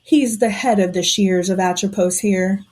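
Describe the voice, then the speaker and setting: A woman with a natural, medium-pitched, darkish voice plays a shrewd, suspicious conspirator in a period audio drama, relaying things in a knowing, deliberate way. The audio is poor.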